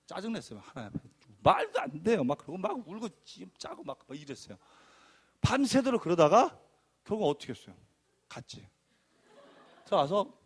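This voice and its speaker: A man preaching a sermon testimony, telling his story in an animated, emphatic way and acting out arguments. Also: on the high side, slightly rough.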